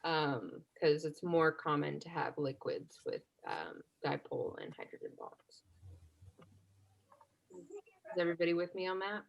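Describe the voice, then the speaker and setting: A woman with a fairly low voice runs a relaxed chemistry exam review. She keeps quizzing her class and tags her explanations with a quick "right?" to make sure everyone follows. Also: vocal fry, muffled recording. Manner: checks understanding constantly with "right?"; relaxed conversational teaching, asks class questions. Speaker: chemistry instructor.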